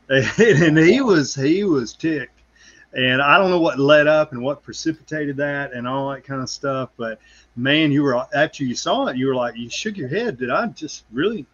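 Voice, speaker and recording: A man's voice: mid-range voice, measured pace, a bit bright, lo-fi sound. A middle-aged man in casual sports chat, rambling with lots of "you know" asides.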